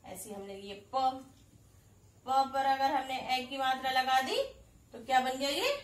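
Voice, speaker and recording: A woman teaching a kindergarten Hindi class online, slowly sounding out syllables, repeating them for the children, and asking and answering her own questions. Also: sits high, animated, recorded from a distance. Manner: addresses pupils as 'beta', asks and answers own questions. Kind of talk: recorded online class lesson. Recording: echoey room, voice a little off-mic.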